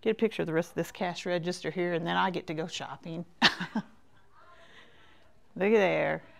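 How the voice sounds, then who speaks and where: Touring a quilt shop on foot indoors, a woman rambles chattily in brief folksy remarks that trail away. Her voice is lowish and a bit bright, with vocal fry, at a moderate pace.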